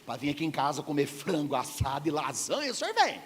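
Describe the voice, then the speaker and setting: A woman's voice: sits low, sing-song, fast, husky, in a large hall, heavily acted. A man voicing an exasperated woman complaining sarcastically to a guest who came too late, in a church sermon. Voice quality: whiny, sarcastic.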